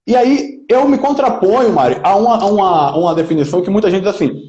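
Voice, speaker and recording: Answering an interviewer as a political pre-candidate, this man in his 20s talks fast and animated in a high, dark-toned voice. He speaks with speechmaking emphasis and keeps tagging his points with "né?", captured in a roomy, somewhat dull lo-fi recording.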